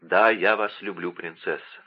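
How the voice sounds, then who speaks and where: A courteous young count, restrained and tender, hiding his love behind formal respect, as a male reader gives him voice. The voice is low and even, with a dull, lo-fi sound. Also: normal speed.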